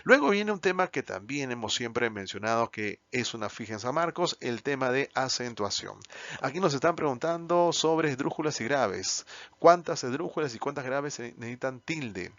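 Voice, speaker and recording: Speaking expressively at a moderate pace, a Peruvian-accented man works through an exam answer key in a lesson, frequently asking himself rhetorical questions. His voice is mid-range and slightly bright, recorded with no echo in a dull, slightly lo-fi dry sound.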